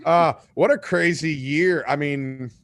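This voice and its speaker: Joking, animated man in his forties. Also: fairly high pitch, slow pace, no echo. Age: 40s. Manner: animated joking storyteller with acted-out quotes. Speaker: fishing show host. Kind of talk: casual live-stream chat.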